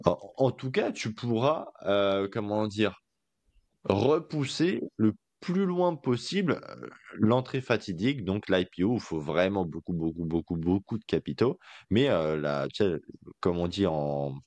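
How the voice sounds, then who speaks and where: A man's voice: fairly low pitch, animated, unhurried, darkish tone, no room sound. A man co-hosting a casual investing podcast, talking loosely with lots of fillers and jokey asides. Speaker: podcast co-host.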